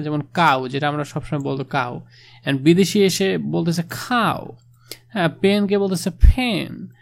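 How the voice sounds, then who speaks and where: Male teacher, gravelly and a bit high-pitched, chatty explainer of a school text. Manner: casual, conversational, with frequent filler affirmations. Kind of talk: explaining a literature text to students.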